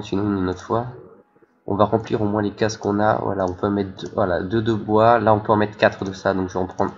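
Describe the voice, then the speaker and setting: A man's voice: on the low side, dull audio. A man hosting a let's play, commenting as he plays and thinking aloud with many hesitations. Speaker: gaming channel host.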